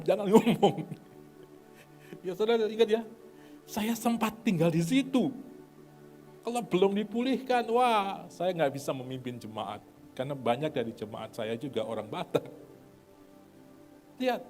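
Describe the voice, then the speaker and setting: A middle-aged man from Indonesia preaching a sermon, swinging between loud urging and soft asides. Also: high-pitched. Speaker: pastor.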